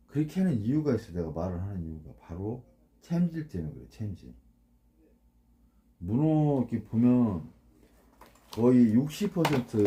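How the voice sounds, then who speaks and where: Speaking with a medium-pitched, dark-toned voice, a man who captains a fishing boat offers blunt, casual instruction to anglers. Along the way he repeatedly seeks agreement and imitates the noises the gear makes.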